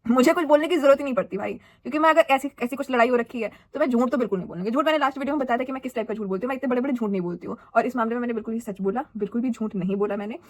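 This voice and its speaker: Fast-talking young woman telling a story. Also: a little high. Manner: animated, dramatic, chatty. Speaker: vlogger. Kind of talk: casual storytime vlog.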